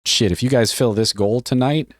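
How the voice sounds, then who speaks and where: A man's voice: medium pitch, normal speed, no room sound, studio quality. A man streaming live, reading a policy aloud and joking casually with his chat, often swearing. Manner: joking, offhand, swears freely.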